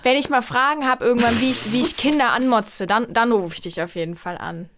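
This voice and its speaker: A woman's voice: fairly high pitch, a little fast, fairly bright tone, a little hiss or hum. A young woman, the daughter, firing off cheeky comebacks in casual chat. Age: young adult. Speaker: daughter, co-host.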